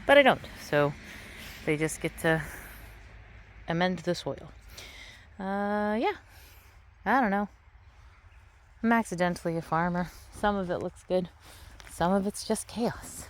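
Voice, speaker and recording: A woman giving a casual, rambling garden tour in an offhand, self-deprecating way, recorded outdoors with a tractor rumbling behind her. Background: tractor rumbling, vehicle noise.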